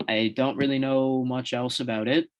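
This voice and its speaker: A young man co-hosting a sports podcast in casual chat, giving score updates and reading news out haltingly. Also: mid-range voice, steady tone, muffled recording, slight background noise. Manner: chatty, reads updates out haltingly. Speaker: podcast co-host.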